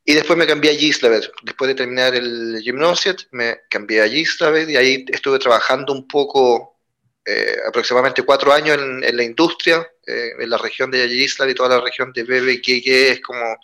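A man in his forties with a Chilean accent, a guest telling his story in an unhurried, easygoing way. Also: medium pitch, bright, forceful tone. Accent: Chilean Spanish. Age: 40s. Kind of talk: casual interview.

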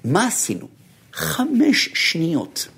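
A rabbi gives a lecture that is full of anecdotes. His voice is gravelly and husky and sits a touch high for a man. He tells his stories with wide swings of pitch, dropping to murmurs and then jumping up. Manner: expressive storyteller, swings from low murmurs to high bursts; laughs while telling stories. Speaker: rabbi giving a course lecture. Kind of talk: animated lecture with storytelling.

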